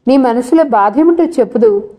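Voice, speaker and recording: A woman's voice: a little high, animated, normal speed, mellow, lightly acted. A woman voicing a playful young female college student who teases her friend in a coaxing way. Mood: teasing. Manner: teasing, coaxing.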